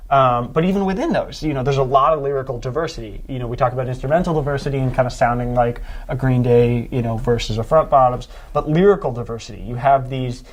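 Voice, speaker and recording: A man's voice: medium pitch, quick pace, few pauses. A young man hosting a music podcast, talking casually with lots of fillers and restarts. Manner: rambling, many fillers and restarts. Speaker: podcast host.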